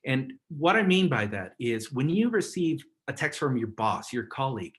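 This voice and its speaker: A man's voice: mid-range voice, big pitch swings, moderate pace, a bit bright. A man presenting a webinar in a casual, rambling way over a video call, chuckling often. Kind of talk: casual instructional talk.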